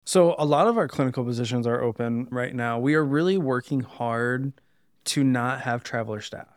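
A man with a Midwestern American accent, speaking as a recruiter guest in a relaxed, rambling way. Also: mid-range voice, normal speed, clean tone, no room sound, studio quality. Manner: relaxed, rambling, uses lots of "like". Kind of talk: casual interview chat.

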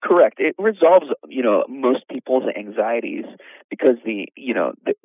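A man's voice: mid-range voice, very animated, moderate pace, husky, dry recording, narrow, tinny audio. A man, an orthopedic surgeon, explaining things in a podcast interview with many fillers and restarts.

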